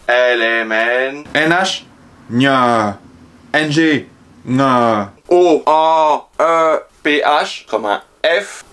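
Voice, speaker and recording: A man's voice: mid-range voice, fairly bright tone. A man giving a pronunciation lesson, carefully demonstrating letters and sounds one by one. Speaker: language teacher.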